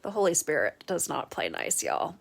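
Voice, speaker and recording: A woman's voice: fairly low pitch, very animated, moderate pace, creaky, breathy edge. A woman in her thirties, an Episcopal priest, giving a candid, earnest personal reflection. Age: 30s.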